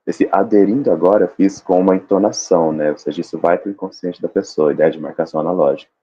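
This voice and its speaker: A man's voice: sits low, fairly even intonation, quick pace, mellow, slightly rough. A man on a live panel explaining sales techniques, acting out short seller and client exchanges as he goes. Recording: dull lo-fi stream audio.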